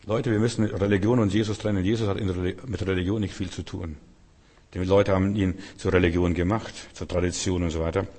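A man's voice: lowish voice, mellow. A male preacher giving a sermon, firing off repeated rhetorical questions and speaking straight to his listeners in a church hall. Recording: long hall reverb.

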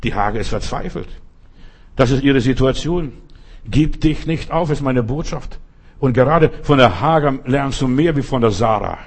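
A man's voice: medium pitch, lively intonation, normal speed, breathy edge. A man preaching a sermon, addressing listeners directly with emphasis and repeated phrases.

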